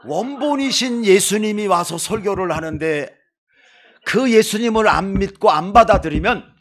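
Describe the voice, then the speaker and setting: Lively, high-voiced preaching man. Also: normal speed. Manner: lively, emphatic preaching with rhetorical questions to the congregation; jokes and playful asides to the congregation. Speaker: pastor, missionary preacher. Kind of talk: sermon. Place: church sanctuary before a congregation.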